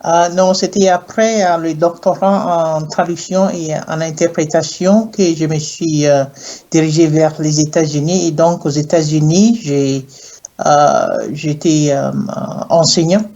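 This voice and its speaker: A middle-aged man from Ghana, an English speaker, answering interview questions in a slow, hesitant way with many pauses and fillers. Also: on the high side, steady tone, a little mellow, muffled recording. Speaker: guest, clergyman and university French teacher.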